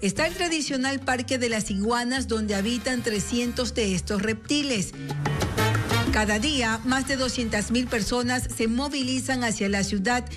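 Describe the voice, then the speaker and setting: A woman reporter reading a scripted news voice-over in a measured, even way. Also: on the high side. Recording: voice-over with music bed.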